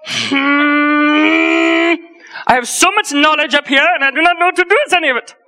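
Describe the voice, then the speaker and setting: An eccentric German currency scholar in a comic live skit, played by a woman. The voice is high and bright, with a put-on German accent and R's that never come out right. The doctor is boastful, scatterbrained and quick to get testy. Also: faint music behind. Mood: comically pompous. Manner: cannot pronounce R's.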